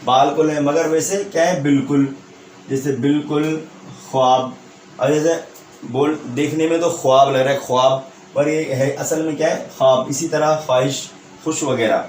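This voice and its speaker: Male teacher, slightly high voice, lecture style that quizzes and restates each point, roomy distant recording. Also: steady tone, darkish tone, a little hiss or hum. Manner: repeats each point as a question and answers it; checks understanding with a tag question. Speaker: Urdu teacher. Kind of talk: online exam-prep lecture. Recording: echoey room, voice from a distance.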